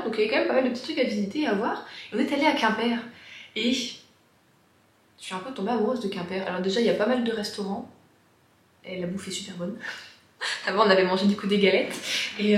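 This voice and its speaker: A woman chatting casually to her viewers in a rambling, self-interrupting way, recorded in an echoey home office. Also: medium pitch. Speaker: book and lifestyle vlogger answering viewer questions. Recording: echoey, resonant room.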